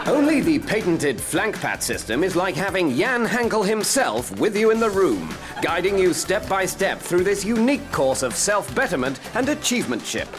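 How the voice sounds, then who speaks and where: An actor playing an earnest, over-enthusiastic announcer with an emphatic sales delivery in a parody advert. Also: male voice, high voice, very animated, normal speed, few pauses, music in the background. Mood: salesy.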